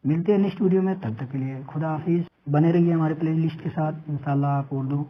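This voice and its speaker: A woman teaching the alphabet in a slow, patient drill, repeating each letter and checking in with her learners. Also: low voice, steady tone. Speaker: Urdu teacher. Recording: tinny phone-like sound.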